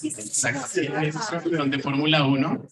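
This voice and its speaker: A man lectures a classroom that's also on Zoom, his fairly high, steady voice at moderate pace echoing heavily through a large room over a noisy crowd. He's easygoing, uses many fillers, and keeps quizzing the students.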